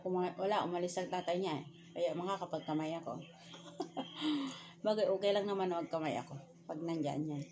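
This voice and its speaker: A woman's voice: fairly low pitch, moderate pace, a little mellow, a little hiss or hum. A woman food vlogger talking casually to her viewers while chewing with her mouth full. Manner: chatty, addresses viewers as guys. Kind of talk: casual mukbang chat to viewers.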